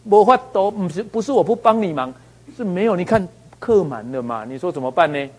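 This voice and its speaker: A man's voice: high voice, expressive, a little fast, a little mellow, pitched above the performer's own voice. A man mimicking a dismissive female hotel desk clerk who keeps making excuses.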